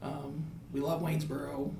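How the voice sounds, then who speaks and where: A man in his thirties from the United States speaks at normal speed with a fairly high, level, gravelly voice. As a school principal on a podcast, he talks thoughtfully and tends to rephrase as he goes. Echo and soft background noise fill the recording.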